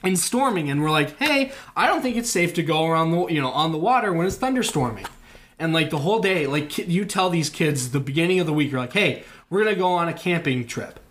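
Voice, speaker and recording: Young male podcast co-host, rambling storyteller, slightly high voice, mimics people he quotes. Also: animated, fairly quick, fairly bright tone. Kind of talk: casual storytelling chat.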